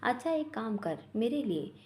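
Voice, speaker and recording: A woman's voice: a little high, big pitch swings, normal speed, a little mellow, slight background noise. A woman voicing a spoiled young bride who orders others about, in a storybook reading. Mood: curt. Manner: curt, demanding. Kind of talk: storybook voice acting.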